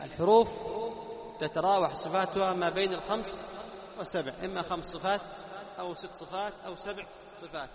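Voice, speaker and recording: Male teacher, fast-talking, drills his class with repeated questions; dull lo-fi recording. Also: high voice, vocal fry. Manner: quizzes students, repeats key terms, slows down to recite examples. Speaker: Quran recitation teacher. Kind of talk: classroom lesson on tajweed. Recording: echoey hall, dull lo-fi sound.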